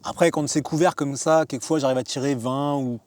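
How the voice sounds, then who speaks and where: A man's voice: medium pitch, steady tone, brisk, a little mellow, no room sound. A man hosting a casual explainer vlog, chatty and joking, with lots of fillers. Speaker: van life vlogger.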